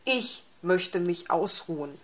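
A woman's voice: fairly low pitch, expressive, slow, a bit bright. A woman voicing a grumpy, lazy male fox in a storybook reading, irritable and grumbling.

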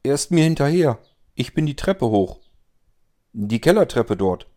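A man's voice: mid-range voice, very animated, measured pace, mellow, pitched above the performer's own voice. Man doing a frightened young woman, raised voice, breathless, insistent, audiobook. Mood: agitated.

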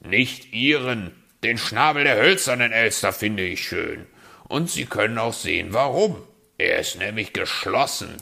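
A man voicing a sly, smooth-talking male fox in a read-aloud story, flattering and evasive, with a gravelly voice. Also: lowish voice, unhurried, heavily acted. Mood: dry.

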